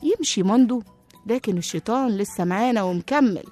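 A woman with an Egyptian accent narrating a children's story, lively and talking to young listeners. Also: mid-range voice, brisk, faint music behind. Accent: Egyptian Arabic.

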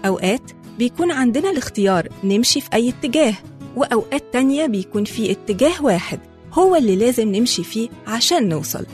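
A woman's voice: on the high side, expressive, fast, darkish tone, soft background music. A woman with an Egyptian accent hosting a radio talk show and speaking to her listeners. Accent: Egyptian Arabic.

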